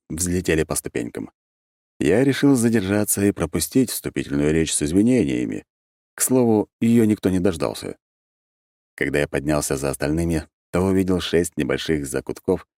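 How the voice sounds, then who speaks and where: A man narrates a first-person audiobook in a low, deep voice. His reading is animated, with wide swings in pitch. The sound is dry and close to the mic. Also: dry recording.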